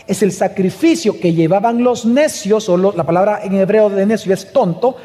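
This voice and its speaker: Male pastor preaching, high but mellow voice, earnest with rhetorical questions, long reverb. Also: moderate pace. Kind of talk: sermon.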